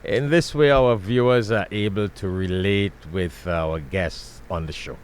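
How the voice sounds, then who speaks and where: An older man hosting an interview show, asking his guest questions in a formal, halting way. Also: deep voice. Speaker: host.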